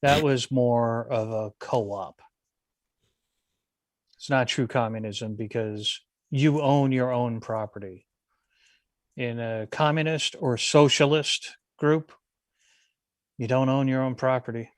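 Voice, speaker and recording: A man's voice: medium pitch, takes it slowly, long pauses, no room sound. Brash, emphatic man. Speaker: morning show co-host. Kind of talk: casual opinionated radio-show banter.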